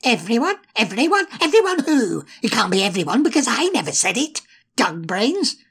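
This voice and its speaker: A woman voicing a gravelly, sneering male imp. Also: very animated, moderate pace, heavily acted. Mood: taunting. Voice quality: gravelly, raspy. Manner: mocking, sneering, darts between whispers and shrill taunts. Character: sly, spiteful male imp, cackling and insulting. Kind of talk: storybook reading.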